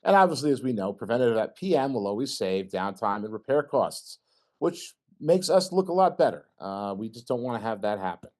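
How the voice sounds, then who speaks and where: A middle-aged man gives an informal technical talk with slides. His pitch swings widely and animatedly. He jokes and throws questions to the audience. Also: brisk. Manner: lively, joking, asks audience questions. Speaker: presenter at an engineering society meeting.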